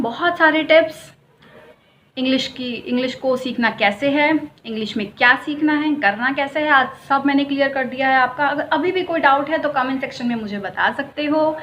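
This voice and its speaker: A woman's voice: a little high, a bit bright, lo-fi sound, a little hiss or hum. A woman teaching English in a casual, chatty and encouraging way, mixing English phrases into her talk. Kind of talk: casual spoken lesson.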